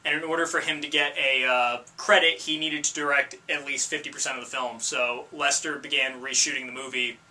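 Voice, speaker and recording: Male reviewer host, crisp bright tone, sarcastic comedic rant delivery. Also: steady tone, fairly quick, hardly any pauses. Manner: exasperated, sarcastic, swings from low mutter to loud outbursts.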